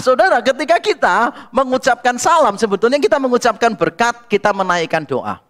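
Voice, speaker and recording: A man preaching an expository sermon as a pastor, telling lively stories and acting out the people he quotes. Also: high voice. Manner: animated storytelling, acts out quoted people. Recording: reverberant hall.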